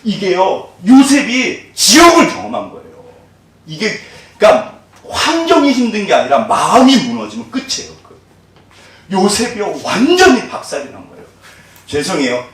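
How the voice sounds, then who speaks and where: Man, pastor, animated sermon, rhetorical questions, slightly high voice, echoey hall recorded from a distance. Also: moderate pace. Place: church sanctuary.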